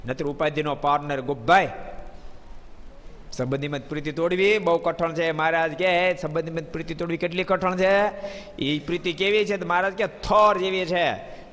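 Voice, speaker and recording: Male preacher, fairly high voice, animated sermon delivery, recorded in a reverberant hall. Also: normal speed. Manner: animated, addresses listeners by name, rising emphatic bursts. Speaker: swami preacher. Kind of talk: devotional sermon with storytelling.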